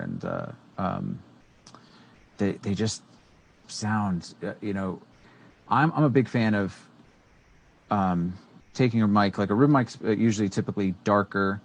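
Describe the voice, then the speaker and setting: In a small green-screen studio, a co-host with a deep, gravelly voice rambles through a casual educational talk about microphones, full of fillers and restarts. He's captured on a studio microphone mounted on a boom arm.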